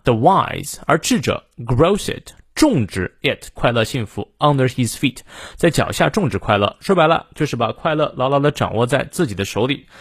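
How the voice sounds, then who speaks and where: Male English teacher with a lively, swinging voice and a dry close sound, who models each word slowly and clearly. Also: mid-range voice, no echo. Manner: lively, slow careful English readings with stressed words. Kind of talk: morning English lesson, explaining and modeling pronunciation.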